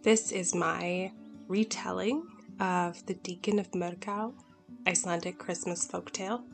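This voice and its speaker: A woman hosting a podcast and reading her own folktale retelling in a clear, measured way. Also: fairly low pitch, steady tone, music in the background, low-quality recording. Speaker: podcast host and storyteller.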